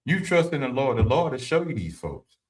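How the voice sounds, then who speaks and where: Very animated and brisk, this man in his fifties speaks in a mid-range, slightly mellow voice while livestreaming. His talk is informal, preachy motivation for a live audience, with repeated points and replies to the chat.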